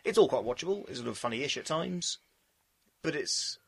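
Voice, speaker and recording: A man's voice: fairly high pitch, expressive, normal speed, gravelly, a bit bright, breathy edge. A man co-hosting a film podcast, chatting casually and teasing his co-hosts. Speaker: podcast co-host. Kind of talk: casual chat.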